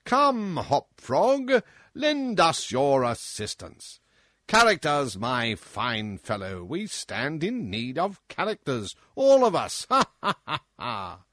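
A cruel old tyrant king booms and jeers in a raised, swooping voice, as a male narrator puts him on. He stretches his words slowly and cruelly, loud and overbearing. A dry, close storybook reading. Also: sing-song, no echo, heavily acted. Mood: mocking, blustering. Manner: bellowing, mocking, laughs harshly.

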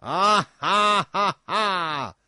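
A man's voice: on the high side, wildly swooping pitch, slow, fairly bright tone, no room sound, studio quality, pitched above the performer's own voice, full character voice. A man voicing a cruel, boisterous old king who mocks and bellows at his jester in a storybook reading. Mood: mocking, blustering. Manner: bellowing, mocking, laughs harshly.

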